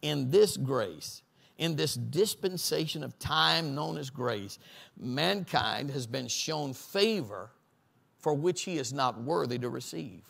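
A man's voice: mid-range voice, lively intonation, slow pace, creaky, fairly bright tone. A middle-aged man pastor preaching a sermon at a Bible study on a church stage, building lists to a crescendo and calling for responses from the audience.

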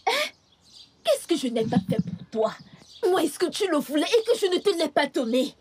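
A woman's voice: high-pitched, big pitch swings, moderate pace, noisy background. A defiant, headstrong young woman. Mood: possessive. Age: young adult. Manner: defiant, insistent. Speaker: dubbing actor. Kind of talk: French film dub.

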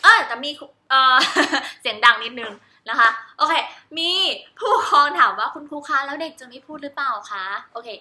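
A woman's voice: on the high side, bright, forceful tone, reverberant. A woman teacher giving a cheerful lesson on baby sign language, demonstrating each sign while repeating English words. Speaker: homeschool teacher.

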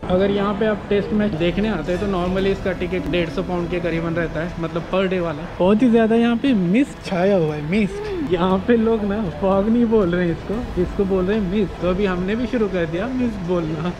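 High-voiced young man vlogging on the go. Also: brisk, few pauses. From India. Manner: chatty, explaining sights as he walks. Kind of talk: casual walking travel vlog. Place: outdoors on city streets and in a stadium. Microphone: phone camera at arm's length. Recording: background music under the voice.

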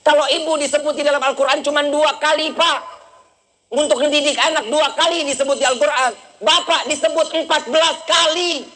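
A male preacher, giving a lively sermon and teasing the congregation with quick questions. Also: extremely high pitch, low-quality recording.

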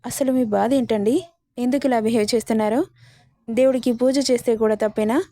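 A devoted young wife, patient but stubborn, who pleads and pushes back, as a woman storyteller puts her on. The voice is mellow and dark-toned, slightly high, in a dry, close recording. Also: steady tone, brisk, no echo, natural voice. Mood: pleading.

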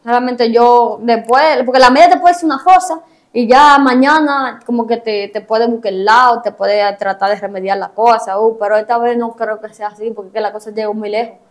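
A woman's voice: a little high, fairly even intonation, a little fast. A young woman, telling her story as an interview guest, hesitant and repeating herself.

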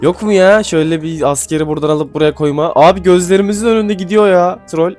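A man giving casual gameplay commentary, excitable and swearing casually, then dropping to mumbling asides. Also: high-pitched, fast talker. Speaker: gaming YouTuber. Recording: faint music behind.

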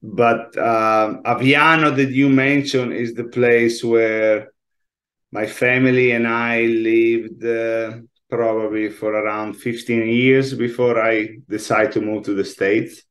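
An Italian man in his forties, a guest chef, chats casually in an interview over a video call from a room at home. His mid-range, fairly bright voice stays level and slow, picked up by a laptop mic.

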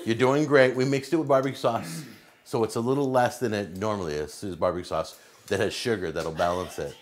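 A man's voice: fairly low pitch, fairly quick. Middle-aged man hosting casually in a kitchen. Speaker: host and cook of a hot wing challenge. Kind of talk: casual hosting to camera and guests. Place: indoor home kitchen.

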